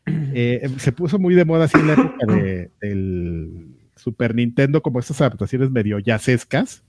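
A man's voice: medium pitch, animated, moderate pace, background noise. A man with a Mexican accent co-hosting a podcast in casual, slangy, hesitant chat. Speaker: podcast co-host.

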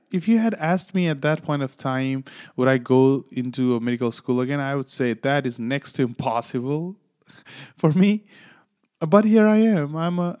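A man, hosting his own podcast in an earnest, halting way with many fillers. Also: fairly low pitch, darkish tone, smooth. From Nepal. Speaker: podcast host. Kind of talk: solo podcast monologue.

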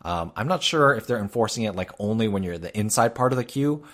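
A man's voice: fairly low pitch, expressive, quick pace, fairly bright tone. A man co-hosting a casual talk show, speaking conversationally with frequent fillers. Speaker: podcast co-host. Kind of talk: casual chat.

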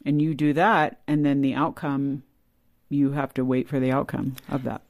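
A man's voice: mid-range voice, normal speed, no room sound, studio quality. A man hosting a faith podcast, chatting casually with many fillers and murmured agreements. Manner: relaxed, full of fillers and frequent listening murmurs. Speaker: podcast host. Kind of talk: casual interview chat.

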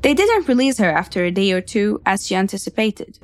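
A woman giving measured, scripted documentary narration as the podcast's narrator. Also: mid-range voice. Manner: measured, even storytelling.

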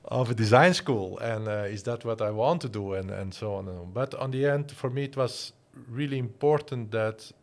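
Speaking at normal speed with few pauses and a medium pitch, this Dutch-speaking man from Flanders, in his forties, discusses his career as an interview guest. He directs a design school and plays music, and his talk is casual but hesitant, riddled with restarts and fillers.

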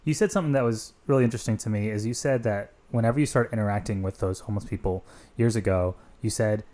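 A man's voice: lowish voice, quick pace, mellow. A man hosting a podcast who asks curious questions in a casual way. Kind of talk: casual conversation.

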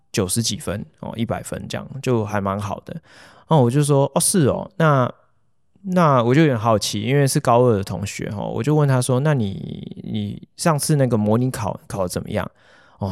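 A man's voice: lowish voice, a little mellow, no echo, clean studio sound. A middle-aged man with a Taiwanese Mandarin accent, a teacher telling a student story in a chatty podcast monologue full of little fillers. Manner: chatty, frequent "哦" and "好" fillers, acts out dialogue. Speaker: high school chemistry teacher and podcast host.

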